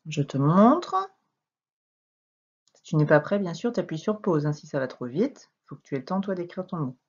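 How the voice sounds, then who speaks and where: A woman teaching French children to read, dictating words slowly syllable by syllable with lively emphasis. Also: deep voice, slightly rough. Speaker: primary school teacher. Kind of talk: reading lesson for young children. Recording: dull lo-fi recording.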